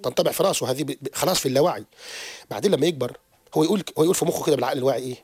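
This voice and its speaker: A man, a therapist guest on a radio show who lectures quickly and keeps restarting his sentences. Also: mid-range voice, husky, no echo. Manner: animated, rapid lecturing with frequent restarts. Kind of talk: radio interview explanation. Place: radio studio.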